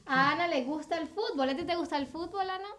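A woman's voice: very high voice, quick pace, a bit bright. A Venezuelan woman hosting a drawing quiz in a language lesson, encouraging and full of affirmations. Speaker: host.

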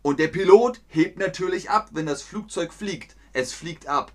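A man teaching idioms in a language lesson, slow and clear, repeating phrases and acting out little scenes in playful put-on voices. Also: sits high. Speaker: German teacher.

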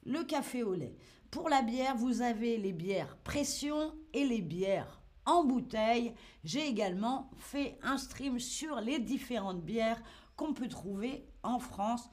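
A woman hosting a live-stream French lesson, speaking slowly and clearly, asking the chat quiz questions and laughing lightly as she reads it. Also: on the high side, animated, a little mellow. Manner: slow, clear, teacherly, asks quiz questions.

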